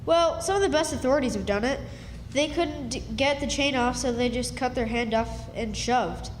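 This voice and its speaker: On a live stage in a hall, recorded with a reverberant sound and slight background noise, a high-pitched woman plays an earnest, scheming runaway country boy in a radio play. Her lightly acted delivery is folksy and eager, at a normal speed.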